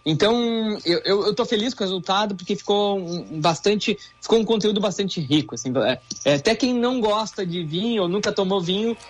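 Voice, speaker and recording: A man's voice: sits high, a little fast, hardly any pauses. A man with a southern Brazilian accent talking casually as a guest in a live interview. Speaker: guest, wine book author.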